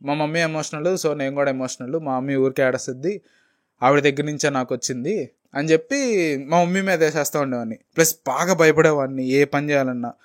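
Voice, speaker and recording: A man's voice: a little high, fairly quick. A young man in his twenties with a Telugu accent, telling a candid personal story as a vlogger and slipping English phrases into his talk. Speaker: motivational vlogger.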